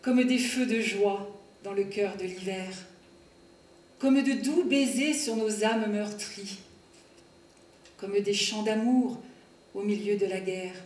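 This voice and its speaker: A woman performing poems in a slow, expressive recitation, sometimes singing them, at an evening event. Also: medium pitch. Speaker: poetry performer. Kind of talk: poetry recital with piano. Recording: echoey hall from far off, piano behind.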